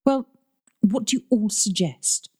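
A woman's voice: mid-range voice, unhurried, warm tone, slightly rough, voice pushed up. A woman voicing Adrian, an agitated defiant man. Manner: restless, impatient. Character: agitated man, defiant caretaker, deep-toned.

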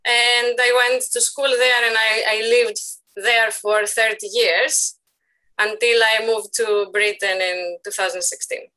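Bright-voiced Greek woman in her thirties. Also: a little high, fairly even intonation, measured pace, rough recording. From Greece. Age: 30s. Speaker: guest artist. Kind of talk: casual interview conversation.

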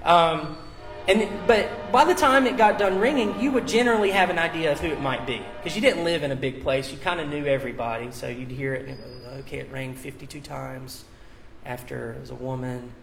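A man's voice: on the high side, a little fast, vocal fry, over music, low-quality recording. A man preaching as a pastor in a conversational, informal and explanatory way, with casual asides, at a live church service. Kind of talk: conversational sermon.

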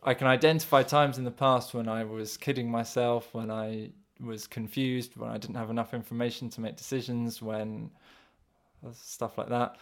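A man's voice: mid-range voice, level tone. Hesitant, self-correcting man. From England. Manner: halting, hedging, self-correcting. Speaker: podcast co-host. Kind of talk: casual podcast chat.

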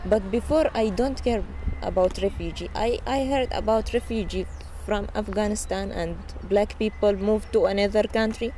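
A young Syrian woman, a native Arabic speaker, talking in halting, broken English with a Syrian Arabic accent, interviewed outdoors in a refugee camp. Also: medium pitch, mellow. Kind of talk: casual interview. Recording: noisy outdoor field recording.

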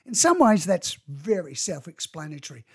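A man's voice: on the high side, big pitch swings, normal speed, breathy edge. A man giving an informal talk to parents, chatty and self-correcting, with frequent asides. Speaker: parent educator giving career advice.

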